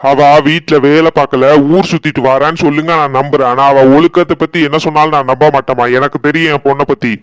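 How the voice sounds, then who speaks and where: A man with a Tirunelveli Tamil accent voicing a gentle young husband in a cartoon, soothing his wife and standing firm with his mother. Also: a little high, fairly even intonation, quick pace, few pauses, smooth, dry recording, natural voice. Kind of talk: cartoon voice acting.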